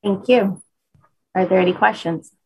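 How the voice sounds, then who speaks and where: A woman's voice: medium pitch, normal speed, darkish tone, breathy edge, no echo, muffled recording. A woman chairing a formal government commission meeting in a courteous, procedural manner.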